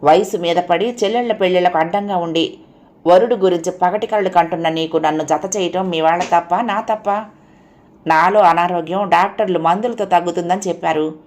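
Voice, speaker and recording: Bitter husband figure, accusing tone, woman reading it, lowish voice, storybook. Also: a little fast, a little mellow, close to an everyday voice. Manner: accusing, cutting. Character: bitter young husband reproaching his wife.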